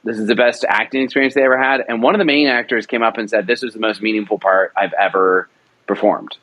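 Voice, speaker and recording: A drama producer speaks fast in a fairly low, rather even voice with a slightly bright edge, though the audio quality is poor. In this passionate, conversational interview he comes across as earnest and emphatic, often repeating words as he works through his thoughts.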